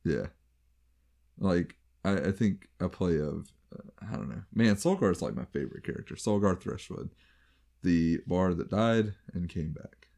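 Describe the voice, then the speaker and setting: A man's voice: deep voice, animated, normal speed, gravelly, dark tone. A man with a light Southern US accent co-hosting a casual chat show, rambling and trailing off as he restarts his sentences. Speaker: podcast co-host.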